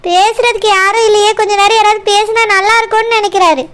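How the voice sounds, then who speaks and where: A woman's voice: very high voice, steady tone, quick pace, a bit bright. A woman voicing a tearful, resentful young woman in a cartoon, speaking with a Kanyakumari Tamil accent and brooding sulkily to herself. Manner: sulky, brooding inner monologue. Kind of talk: cartoon voice acting.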